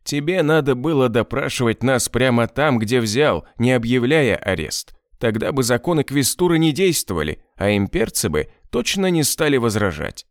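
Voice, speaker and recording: A man's voice: medium pitch, big pitch swings, moderate pace, hardly any pauses, no echo, clean studio sound. A man voicing a defiant, cocky male prisoner who taunts his captor. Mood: taunting. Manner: mocking, cocky.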